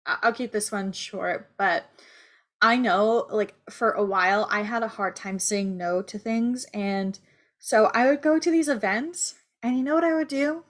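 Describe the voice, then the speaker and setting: A woman's voice: medium pitch, measured pace. A woman co-hosting a podcast in candid, casual chat, swearing now and then. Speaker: podcast co-host.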